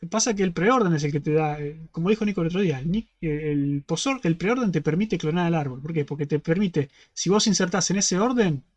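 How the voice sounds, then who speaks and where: Rioplatense male teaching assistant, high voice, methodical step-by-step explainer who keeps checking in. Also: darkish tone. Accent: Rioplatense Spanish. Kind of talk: online class explanation.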